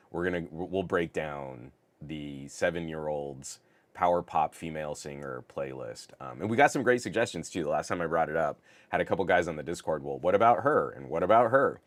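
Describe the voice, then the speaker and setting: A middle-aged man hosting a live tech podcast, talking with a scratchy, sick-sounding voice in an excitable, over-the-top way with stammered restarts. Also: a bass voice, dry recording. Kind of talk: casual live-stream chat.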